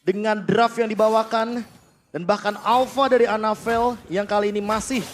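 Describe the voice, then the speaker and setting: A man's voice: high voice, fairly even intonation, moderate pace, slight background noise. A man with an Indonesian accent giving analytical live commentary as an esports caster.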